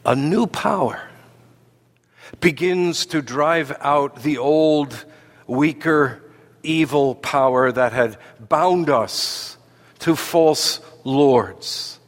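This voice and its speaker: A man delivers a sermon in a deliberate, unhurried cadence, his voice sitting a touch higher than most men's. Long reverb trails each phrase, as if spoken from the front of a large church hall. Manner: slow, deliberate preaching with dramatic pauses and quoted voices. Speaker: preacher.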